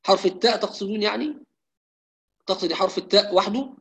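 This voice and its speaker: A man teaching Quran recitation in a live lesson, explaining rules and reciting drawn-out examples. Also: high-pitched, fairly bright tone, rough recording.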